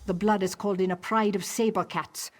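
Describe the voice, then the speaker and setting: A woman's voice: medium pitch, fairly even intonation, fairly quick, natural voice. Woman acting a worried, pleading farm wife. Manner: earnest, pleading. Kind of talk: fantasy video game voice acting.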